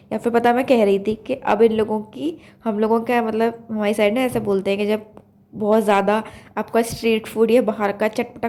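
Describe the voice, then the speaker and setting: A young woman with a Uttar Pradesh Hindi accent talks through her day in a casual vlog voice-over, her slightly high voice hoarse and stuffy from a cold. She rambles on, packing her chat with fillers. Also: darkish tone. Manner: chatty, rambling, full of fillers. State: hoarse, blocked nose from a cold. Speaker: vlog host.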